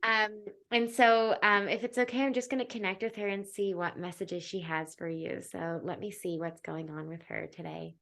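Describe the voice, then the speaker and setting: A woman's voice: medium pitch, little pitch movement, normal speed, vocal fry, hardly any pauses. Chatty woman giving a spiritual reading. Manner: chatty, with many fillers and soft laughs; drops to a soft, hushed voice while reading. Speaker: spiritual guidance reader and podcast host. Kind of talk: casual podcast chat and intuitive reading.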